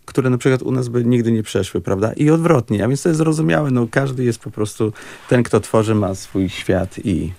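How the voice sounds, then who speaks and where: A male composer speaking in a relaxed interview, pausing often with fillers as he thinks aloud. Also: medium pitch, vocal fry. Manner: thoughtful, halting with many fillers. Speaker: composer and musician. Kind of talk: casual interview talk.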